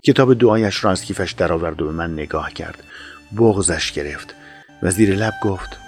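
A man narrating an audio drama in a slow, measured storytelling voice. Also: sits low, soft background music.

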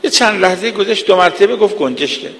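A man's voice: sits high, lively intonation, a bit bright. A man giving an earnest sermon, lecturing with vivid everyday examples. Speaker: preacher. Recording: long hall reverb.

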